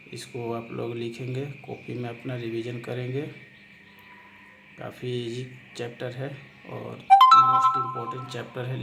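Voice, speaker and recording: A man teaches shorthand in a flat, even voice, going step by step and repeating each word as he writes it. The room is echoey, with a clear hiss of noise behind him. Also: mid-range voice. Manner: repetitive, step-by-step explaining, keeps saying "aapka"; spells out words letter by letter. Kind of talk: spoken lesson walking through examples.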